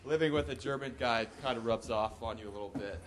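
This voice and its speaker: Presenting a casual live tech talk at a conference, a young man speaks fast at medium pitch into a podium mic. The hall is full of whoops and laughs at his loose, joking style, and a little hiss or hum is audible.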